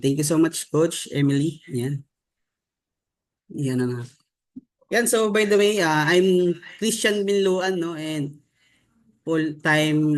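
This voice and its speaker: A man's voice: fairly high pitch, a bit bright. A young man from the Philippines giving a casual motivational online training over a video call, reading out names and asking the group "no?" and "di ba?" as he goes. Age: young adult. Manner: chatty, reads out names with frequent "no?" and "di ba?". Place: home room with a staircase behind.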